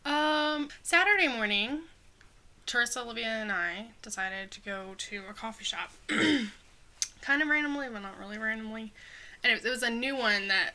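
A woman's voice: fairly high pitch, moderate pace, pushed and bright. A woman co-hosting a podcast, chatting casually and telling stories with lots of filler words. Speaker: podcast co-host. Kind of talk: casual chat.

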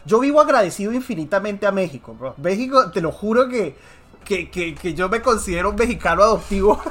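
A man's voice: high voice, animated, fairly quick, fairly bright tone. A Colombian man hosting a podcast live on a stream, talking casually and animatedly, dropping swear words and restarting his sentences. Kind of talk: casual chat. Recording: faint background music.

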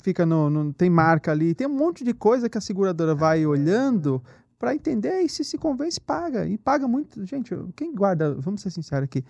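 A man's voice: sits high, very animated, a little fast, gravelly, a little mellow, no room sound, highs cut off. A man with a Brazilian Portuguese accent, an insurance executive explaining things as a guest in a casual podcast interview, often checking "entendeu?". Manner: explanatory, many fillers like "entendeu?" and "né?".

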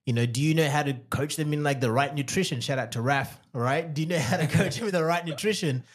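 A man's voice: a little high, quick pace. An Australian man, a podcast co-host and former dating coach, making emphatic, repeated points and telling stories in casual chat.

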